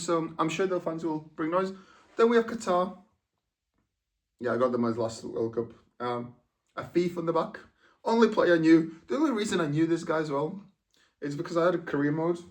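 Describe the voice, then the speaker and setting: A man's voice: fairly high pitch, far from the mic. A young man from England chatting casually in a video about his collection, rambling with lots of fillers and self-corrections. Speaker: football vlogger. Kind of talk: casual chat.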